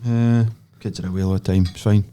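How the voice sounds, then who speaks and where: A man's voice: low voice, steady tone, a little fast, mellow, smooth. A man with a Scottish accent, chatting casually as a podcast co-host. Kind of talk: casual chat.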